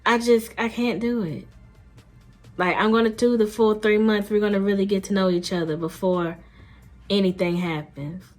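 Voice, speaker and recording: A woman's voice: mid-range voice, fairly even intonation, moderate pace. A woman vlogger recounts a dating story in a casual, unscripted monologue. She is blunt and emphatic, with a slangy, conversational delivery. Faint music plays in the background.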